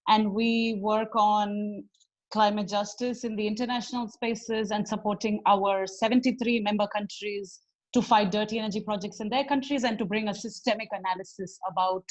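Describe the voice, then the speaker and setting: A woman's voice: medium pitch, poor audio. A woman from India introducing herself on an online panel, earnest and fluent, over a video call. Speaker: panelist, program coordinator.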